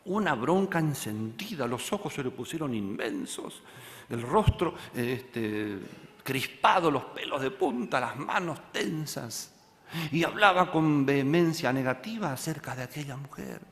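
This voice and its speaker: A pastor, preaching a sermon and telling a story that he acts out, moving from loud passages to hushed ones. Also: mid-range voice, lively intonation, unhurried, in a large hall.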